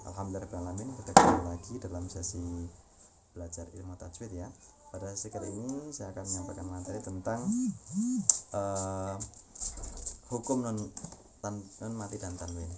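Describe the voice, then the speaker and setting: A man's voice: sits low, a little fast, pauses often, background noise. A man teaching a Quran recitation lesson, explaining patiently and chanting examples several times. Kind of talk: tajwid lesson.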